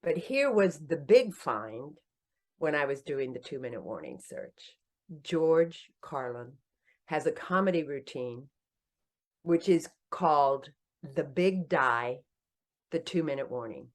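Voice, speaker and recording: Speaking slowly, a sixty-something founder and author shares her story in a laid-back podcast chat. Self-deprecating and full of life, she laughs a great deal, and her voice leaps higher whenever she makes a joke.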